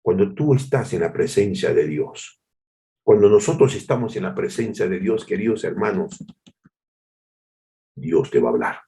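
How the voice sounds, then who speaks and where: A man's voice: low-pitched, big pitch swings, normal speed, creaky, pauses often, dark tone. A male pastor preaching a devotional sermon, repeating phrases for emphasis and calling his listeners brothers.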